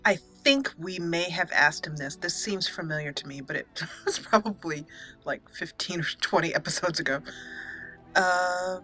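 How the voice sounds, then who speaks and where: A YouTube host gives casual, chatty, giggly commentary on her roleplay let's play, with video game music playing behind her. Her voice is lowish, pushed and bright, at a moderate pace.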